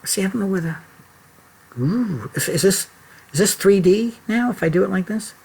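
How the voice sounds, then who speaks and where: A man's voice: high-pitched, expressive, normal speed, vocal fry, darkish tone, breathy edge. A man hosting a casual livestream check-in from his laptop at home, rambling and chatty with lots of fillers and restarts. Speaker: website founder and host of a live check-in. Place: home office. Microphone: laptop mic.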